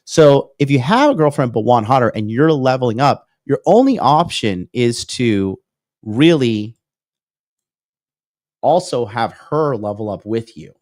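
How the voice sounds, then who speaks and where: A male dating coach in his thirties gives a whiteboard lecture on a livestream, reading out and answering viewer comments while tagging his points with "okay?" and "right?". His mid-range voice is very animated yet unhurried, with a darkish tone. The studio-quality recording has no room sound.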